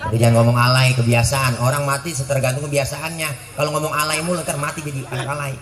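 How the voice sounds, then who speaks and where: A man's voice: medium pitch, quick pace, reverberant. A man preaching a comedic sermon to young people, teasing and joking as he tells stories. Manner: joking, teasing, lively storytelling. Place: community religious gathering. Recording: noisy live event with crowd laughter.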